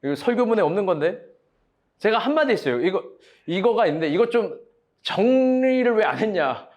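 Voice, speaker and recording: A man's voice: high voice, very animated, brisk, a little mellow. A young man preaching a sermon in a casual, joking way, asking his congregation direct questions and acting out quoted arguments.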